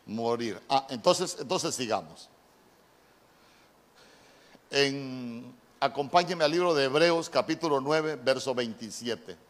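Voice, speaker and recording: A male pastor preaching a sermon, slow and deliberate, repeating key words as he teaches from the Bible. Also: mid-range voice, animated. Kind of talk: sermon with Bible word study.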